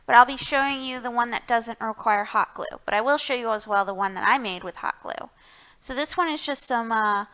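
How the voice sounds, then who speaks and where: With a bright, forceful voice on the high side, a library storytime host reads to young listeners and explains things, speaking straight to them in an encouraging manner.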